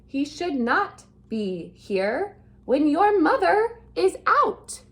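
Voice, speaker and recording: A woman's voice: high-pitched, sing-song, drawn-out words, a bit bright, heavily acted. A woman voicing a fussy male pet fish in a storybook read-aloud, who scolds insistently. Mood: scolding.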